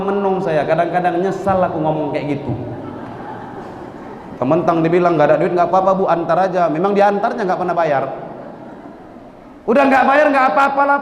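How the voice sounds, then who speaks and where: A man from preaching to a mosque crowd, telling stories in a lively way, talking straight to listeners and acting out quoted voices. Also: high-pitched, dull audio. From Medan, North Sumatra. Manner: lively, addresses the crowd directly, acts out quoted voices, chants letters sing-song. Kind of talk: storytelling sermon. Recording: echoey hall with faint background noise.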